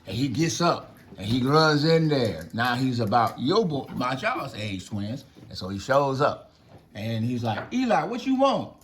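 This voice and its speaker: A man casually retelling a Bible story to his children, lively and slangy, acting out the dialogue. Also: medium pitch, measured pace, slight background noise. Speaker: father telling a Bible story.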